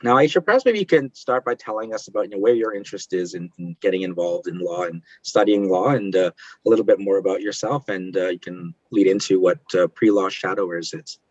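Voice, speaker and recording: A man's voice: sits low, a little fast, no room sound. A man hosting a guest speaker series interview, hesitant with many fillers. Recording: dull, dry lo-fi audio.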